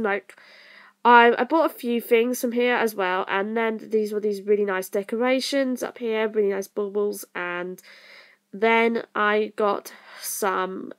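A young woman narrating her own travel vlog in a casual voice-over, rambling with lots of fillers and self-corrections. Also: fairly high pitch. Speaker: vlogger.

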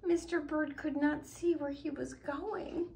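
A woman's voice: high-pitched, fairly even intonation, unhurried, creaky, a little mellow, slight background noise. A woman reading a children's picture book aloud, with playful sound effects. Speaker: children's storyteller.

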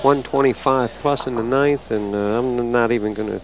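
A man's voice: medium pitch, moderate pace, very noisy. A man giving bowling color commentary in a chatty way, working out scores aloud.

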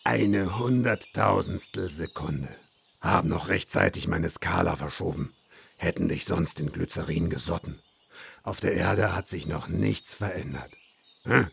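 Brief: terse older-sounding scientist, played by a man, very low, raspy and husky, dry clipped lines. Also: a little slow, heavily acted. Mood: dry, wry. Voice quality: raspy, gravelly. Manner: clipped, drops pronouns, dry.

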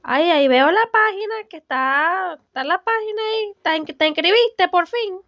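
A woman's voice: extremely high pitch, a bit bright, no echo. A young woman with a Venezuelan accent playing a chatty, gossipy young mother who sighs theatrically and drags out her complaints. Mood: dramatic. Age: young adult. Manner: drawn-out, theatrical, sighing "ay" complaints. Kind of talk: comedic student film acting. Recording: dull, dry, lo-fi.

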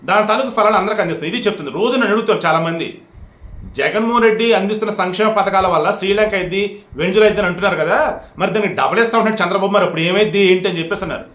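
An Indian man with a high, somewhat bright voice speaks in rapid bursts, delivering heated political commentary straight to the camera. He scolds his audience and fires off rhetorical questions, and the room gives his voice a noticeable echo.

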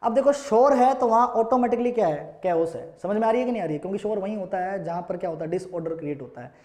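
A fast-talking man with a high, mellow voice and an Indian accent runs an online English vocabulary lesson in classroom style. He drills words by repeating call-and-answer questions, asking the same thing repeatedly and spelling words out letter by letter.

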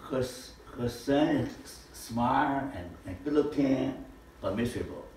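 In a living room with a projector screen, an older man gives an informal lesson in an animated, mid-range voice that is a little slow and darkish. He uses rhetorical questions and broad gestures. The camera sits far across the echoey room, and there's a little hiss or hum.

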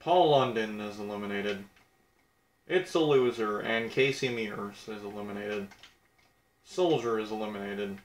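A man's voice: lowish voice, unhurried, reverberant. A young man casually commenting on a video game, blunt and crude, mocking himself as he reads out who is eliminated.

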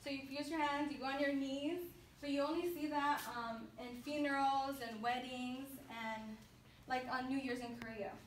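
A woman's voice: high-pitched, steady tone, moderate pace, slight background noise. A young woman student giving a casual, filler-heavy speech to her class. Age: young adult. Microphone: far camera. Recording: echoey classroom, distant from camera.

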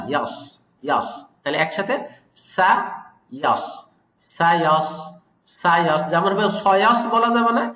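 Man teaching Quran recitation, bright, somewhat high voice, patient syllable-by-syllable demos, echoey room. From Bangladesh. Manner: corrective, repeats and draws out syllables slowly. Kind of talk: tajweed lesson with recitation demos.

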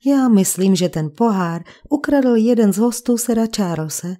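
A woman's voice: mid-range voice, lively intonation, mellow, close to an everyday voice. A woman voicing a pedantic sarcastic vicar. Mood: precise, sarcastic. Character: fussy, sarcastic middle-aged male English village vicar.

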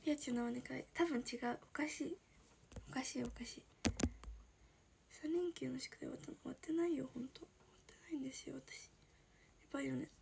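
An 18-year-old woman from Shizuoka, Japan, chatting casually on a livestream and answering viewer comments, often slipping into a soft breathy whisper. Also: sits high, quick pace, long pauses, background noise. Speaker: idol livestreamer.

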